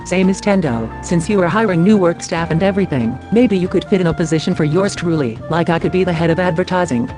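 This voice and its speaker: A woman's voice: on the low side, fast talker, few pauses, music in the background, natural voice. A woman doing a rowdy older firecracker. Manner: brash, rough.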